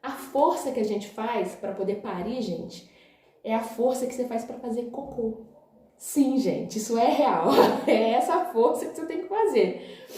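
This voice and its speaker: A woman's voice: fairly high pitch, animated, measured pace, dark tone. Chatty young Brazilian woman vlogging. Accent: Brazilian Portuguese. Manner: chatty, often says "gente" and "né", laughs along. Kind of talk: casual storytelling to viewers. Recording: very echoey room.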